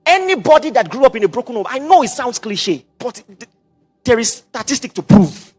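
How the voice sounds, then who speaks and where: A middle-aged Nigerian man preaching a sermon, mixing in Pidgin asides and quick repetitions. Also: extremely high pitch, big pitch swings. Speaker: pastor.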